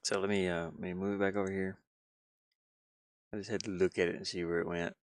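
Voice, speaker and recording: Low-pitched and fairly quick, with little movement in pitch, this man's voice comes through with no room sound. He's a game-streaming host and hobby designer, thinking aloud in casual livestream chat, rambling and muttering as he works on screen.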